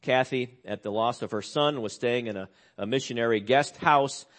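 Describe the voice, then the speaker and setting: An older man preaching a sermon in an earnest storytelling way. His voice sits at an ordinary middle pitch, sinking low and soft when he tells of loss and lifting when he stresses a point. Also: normal speed. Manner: earnest storytelling, drops low and quiet on sad news, rises on emphasis. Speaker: pastor.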